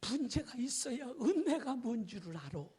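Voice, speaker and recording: A male pastor preaching an evening revival sermon, telling a story dramatically, acting out characters, shouting and dropping to whispers. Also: extremely high pitch, very animated, normal speed, slightly rough. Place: church hall.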